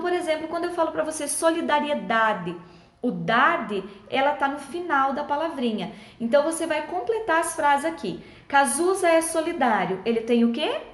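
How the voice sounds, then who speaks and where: A woman teacher, patiently explaining schoolbook exercises to children in a friendly way and checking in often. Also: high voice. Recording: echoey room.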